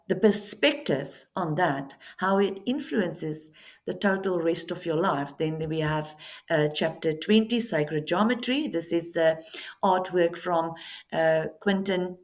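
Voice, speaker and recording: In a relaxed on-camera talk from a Namibian coastal town, a woman presents the book she wrote. Afrikaans is her first language; she has a lowish voice and speaks slowly, hesitating often with ums and pauses.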